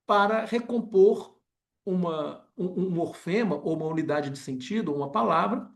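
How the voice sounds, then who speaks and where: Hesitant Brazilian man giving a lecture. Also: sits high. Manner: hesitant, frequent filler words and tag questions. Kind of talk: academic lecture.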